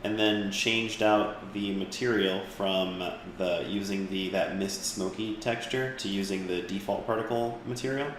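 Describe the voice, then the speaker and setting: Male instructor, rambling casual delivery, low-ish voice, heavy room echo. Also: a little slow, few pauses, slight background noise. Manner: relaxed, rambling, with fillers and restarts. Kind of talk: live class software tutorial.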